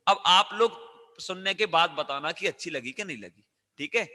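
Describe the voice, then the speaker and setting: A man teaching a class of children. He quizzes them with call-and-response questions and coaxes loud answers. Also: high-pitched, expressive, normal speed, big-room sound.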